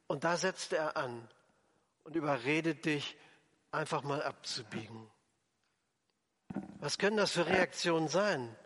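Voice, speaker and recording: Male preacher, fairly high voice, church reverb, lively sermon delivery. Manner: animated, acts out quoted voices, drops low for emphasis.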